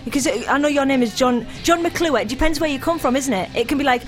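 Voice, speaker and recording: Fast, high-voiced bubbly radio presenter woman. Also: faint music behind. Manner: bubbly, quick, chatty. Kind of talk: local radio interview. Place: radio studio.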